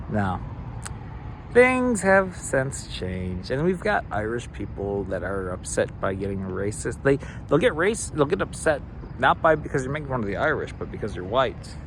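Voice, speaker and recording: A man's voice: medium pitch, background noise. A man doing profane, rambling stand-up comedy.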